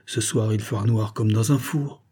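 A man's voice: lowish voice, steady tone, moderate pace, mellow, slightly rough. A man voicing a treacherous male valet who talks in a sly, reassuring way. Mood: rusé.

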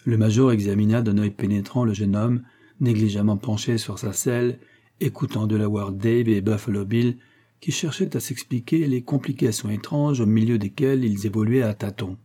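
Un narrateur de livre audio, lecture posée et régulière, voix grave et feutrée au grain légèrement voilé. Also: male voice, fairly low pitch. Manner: steady, measured. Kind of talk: audiobook reading of an adventure novel.

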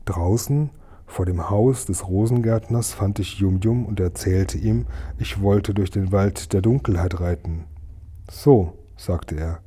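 A man reading a children's storybook aloud in a gentle, measured narrating voice. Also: lowish voice, breathy edge. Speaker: audiobook reader.

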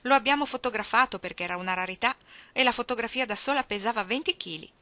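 A woman reads a sun-worn old woman who sells honey by the road, folksy and full of tall tales. She teases with a bright, lively tone, playing her fibs with a straight face. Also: on the high side, quick pace, no echo, voice pushed up. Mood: teasing. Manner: teasing, folksy tall-tale telling. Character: chatty old Southern woman selling at a roadside stand.

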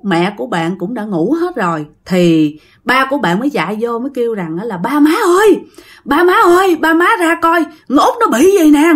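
A woman with a Southern Vietnamese accent telling a ghost story, chatty and speaking straight to her listeners. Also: fairly high pitch. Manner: chatty, addresses listeners directly. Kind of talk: spoken ghost story narration.

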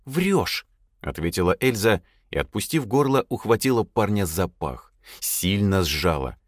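A man narrating an audiobook in an expressive, lively way. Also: low-pitched, moderate pace, no room sound, studio quality. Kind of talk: audiobook reading.

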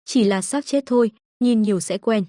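A woman narrator voicing a calm, unflappable young female exorcist who speaks in a cool, matter-of-fact way. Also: fairly high pitch, normal speed, no room sound, clean studio sound, close to an everyday voice.

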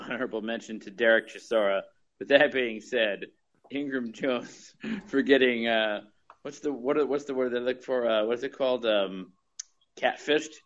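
A man's voice: medium pitch, a bit bright, muffled recording. A man in a casual group chat, talking hesitantly with many fillers. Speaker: podcast panelist.

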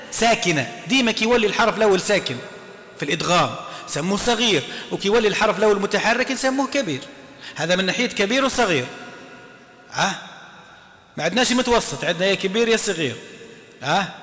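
A man with an Algerian Arabic accent teaches a classroom lesson, posing questions and answering them himself and repeating each term. His voice is very high with a sharp tone, and the hall around him is echoey.

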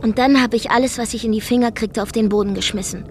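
A woman's voice: a little high, fairly even intonation, fast talker, a little hiss or hum, natural voice. A woman playing a brash, wry young woman narrator. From Zeeland. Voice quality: dry, wry storytelling. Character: brash, defiant young woman telling wild misadventures. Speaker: first-person narrator. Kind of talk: radio drama monologue.

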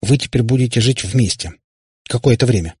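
A man's voice: medium pitch, brisk, a little mellow, husky, no room sound, studio quality, pitched above the performer's own voice. A male narrator voicing a tired warlock father who rambles pedantically. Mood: flustered. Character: weary, long-winded warlock father.

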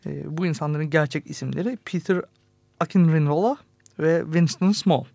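A man hosts a radio music show in a casual, joking way. His voice has a gravelly edge and sits a little high, and the studio sound is dry and close. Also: moderate pace, darkish tone, dry recording. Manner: playful, self-mocking banter. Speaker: radio host.

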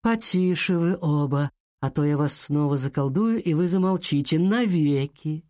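A stern sorceress barks short orders, curt and imperious, as a male narrator puts her on. The voice sits a little high, with a firm, clipped delivery. It is recorded close and dry, with no room sound. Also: moderate pace, a little mellow, dry recording, lightly acted. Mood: commanding. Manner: curt, commanding.

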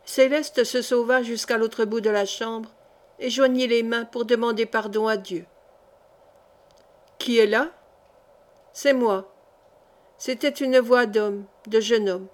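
A woman narrating a historical novel as an audiobook, in a measured, expressive reading. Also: on the high side.

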